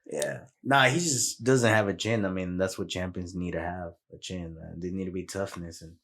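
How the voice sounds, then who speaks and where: Slangy low-voiced guy firing questions. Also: moderate pace, fairly bright tone. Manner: slangy, throws out questions, swears casually. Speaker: podcast co-host. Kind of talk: casual podcast chat.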